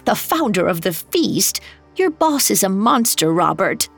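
Woman playing fed-up mum, sharp and clipped, gravelly edge, storybook. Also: mid-range voice, lively intonation, a little slow, faint music behind. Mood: indignant. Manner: indignant, clipped. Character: sharp-tongued mother, fierce and protective.

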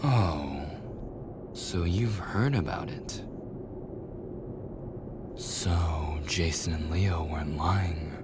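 In an immersive roleplay audio drama, a man plays a smug, menacing mafia prince, low-voiced and heavily acted, possessive yet coolly charming. His tone is probing, with deliberate teasing threats and breathy murmurs, and clearly noisy ambience fills the background.

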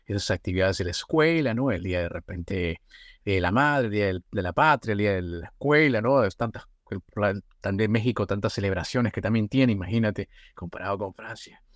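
Podcast host guy, lowish voice, dry close sound, keeps saying "¿no?". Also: brisk, dry recording. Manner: rambling, rephrasing, tag questions like "¿no?". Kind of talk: casual interview conversation.

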